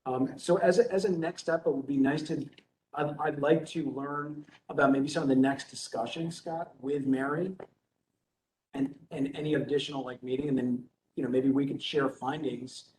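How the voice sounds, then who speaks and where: A man's voice: medium pitch, fairly even intonation, normal speed, darkish tone. Man chairing a board meeting, echoey room. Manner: loose and conversational, with fillers like "you know". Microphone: video call. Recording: echoey room with faint noise.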